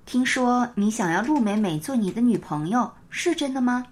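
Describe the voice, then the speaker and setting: A woman voicing a kind, gently smiling woman teacher who asks patient questions. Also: fairly high pitch, animated, normal speed, a little hiss or hum, close to an everyday voice. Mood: gentle.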